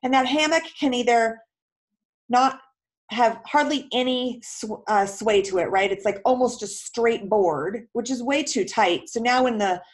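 A woman's voice: on the high side, measured pace. Chatty woman physical therapist explaining. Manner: chatty, many "like" fillers, explains with homely comparisons. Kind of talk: casual explanatory Q&A.

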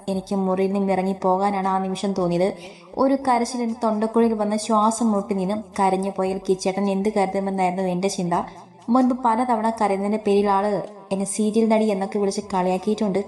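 A woman narrating a romantic story in a steady, even reading voice. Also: mid-range voice.

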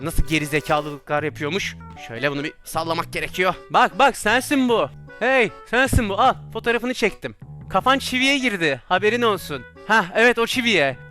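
A young man giving excited let's-play commentary on a video game, animated and quick to shout and laugh at mishaps. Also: high-pitched, soft background music. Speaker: gaming YouTuber.

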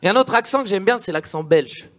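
A high-voiced man from France performs a stand-up comedy set. He talks in a quick, chatty way and keeps tagging his lines with "hein". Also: expressive, fairly bright tone.

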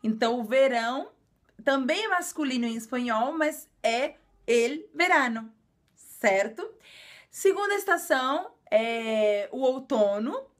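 Brazilian woman, high voice, casual video teacher who repeats and explains patiently. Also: lively intonation. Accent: Brazilian Portuguese. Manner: explains slowly and repeats words, frequent filler "é". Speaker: language teacher.

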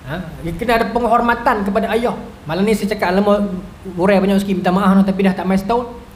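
A man's voice: high voice, steady tone, quick pace. A man in his thirties with a northern Malaysian Malay accent, giving a humorous religious lecture full of stories and asides to the audience. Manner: chatty, storytelling, keeps asking the audience "right?". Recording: echoey hall with faint noise.

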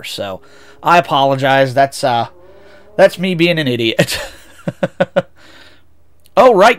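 Here a young man with a Midwestern American accent, a VTuber streamer from the United States, rambles to his viewers during a racing game, correcting himself now and then. His voice is mid-range and a bit bright.

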